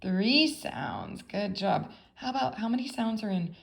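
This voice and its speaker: A woman's voice: medium pitch, big pitch swings, unhurried, gravelly, noisy background. A woman presenting early literacy lessons and playing patient, encouraging phonics games with her young daughter.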